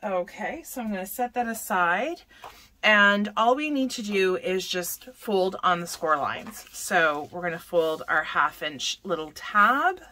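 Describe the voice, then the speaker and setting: A woman's voice: medium pitch, lively intonation, unhurried, pushed and bright. A woman hosting a papercraft tutorial, chatting through each step as she works and often correcting herself mid-sentence. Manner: chatty, self-correcting, talks while working.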